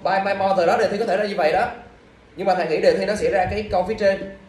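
A man's voice: sits high, fairly even intonation, very fast, a little mellow. Male English teacher, quizzing and scolding a class; distant, roomy recording. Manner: scolding, drilling questions at students. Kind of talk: classroom exam review lesson. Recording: echoey room from far off.

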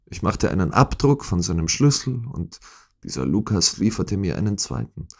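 A man's voice: low voice, very animated, normal speed, creaky, pitched above the performer's own voice, full character voice. A man voicing a distraught young noblewoman who pleads for help, in an audiobook reading. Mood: confessing. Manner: pleading, breathless, emotional.

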